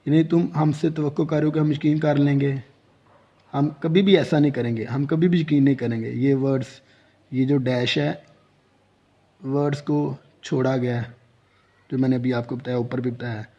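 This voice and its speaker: A man with a Pakistani accent, teaching an English short story. He reads each phrase slowly, then explains it in Urdu with synonyms and tips on how to say it. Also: medium pitch, steady tone, warm tone. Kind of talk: lecture reading and translating a story line by line. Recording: dull lo-fi lecture recording.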